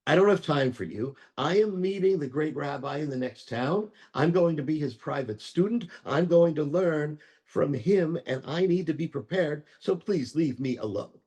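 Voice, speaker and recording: A proud young scholar, defensive and insistent, as a rabbi telling a story puts him on. He pleads in a slightly raised, mellow voice. He sounds like a figure from a spoken parable. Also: on the high side, lively intonation, normal speed, few pauses, pitched above the performer's own voice, close to an everyday voice. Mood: brusque.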